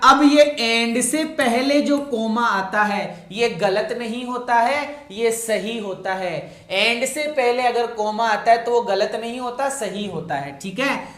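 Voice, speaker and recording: A man teaching English punctuation in an online coaching lecture, who repeats his phrases, drawls out the example sentences very slowly and calls his students "my child". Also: very high-pitched, pushed and bright, echoey room.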